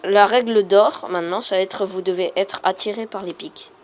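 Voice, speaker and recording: A woman giving casual, rambling gameplay commentary that breaks into frustrated shouts. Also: mid-range voice, fairly even intonation, normal speed, slight background noise. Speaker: gaming video creator.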